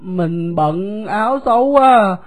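A woman with a Southern Vietnamese accent voicing a poor, gentle young boy who talks in a soft, plain, confiding way. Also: medium pitch, expressive, slow.

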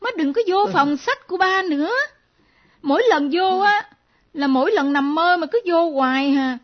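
A woman playing an excitable young adult daughter who exclaims and teases. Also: extremely high pitch. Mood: scolding. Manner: quick, exclaiming, teasing. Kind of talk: radio drama acting. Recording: dull lo-fi recording.

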